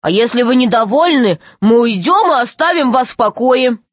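A woman's voice: on the high side, animated, moderate pace, dry recording. A woman voicing a polite, eager young boy who speaks in a placating way. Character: boy, courteous and eager to please.

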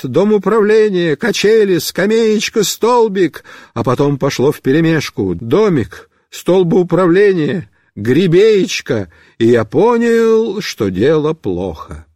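A man's voice: high voice, a little mellow, no room sound, studio quality. A man narrating a children's story in the first person, telling it animatedly as a storyteller.

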